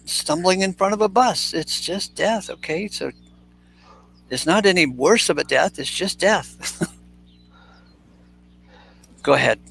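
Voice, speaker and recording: Gravelly older man, blunt and animated. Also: fairly high pitch. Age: 60s. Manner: blunt, animated, swears freely. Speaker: host. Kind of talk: casual chat.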